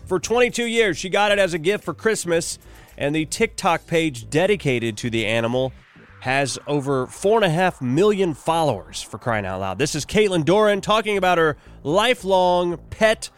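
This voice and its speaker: A man's voice: fairly high pitch, lively intonation, normal speed. A man hosting a morning radio show in a playful, mock-dramatic manner.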